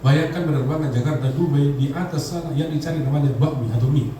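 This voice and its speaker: A man's voice: fairly high pitch, fast talker. Man, pastor, humorous sermon, echoing church, noisy background, far from the mic. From Indonesia. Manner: humorous preaching, calls on the congregation to respond. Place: large church hall. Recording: echoey hall, distant mic, background noise.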